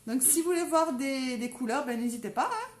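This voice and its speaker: A woman's voice: high voice, expressive, fairly quick, noisy background. Woman, southern French accent, live makeup tutorial, chatty, talks straight to viewers, echoey room. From south of France. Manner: chatty, keeps calling out to viewers. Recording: roomy echo, faint background ambience.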